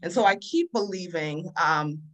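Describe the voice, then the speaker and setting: A woman's voice: lowish voice, lively intonation, normal speed, a bit bright, rough recording. A woman speaking as a podcast guest in a casual faith conversation, earnest and testimonial, sometimes repeating words as she thinks.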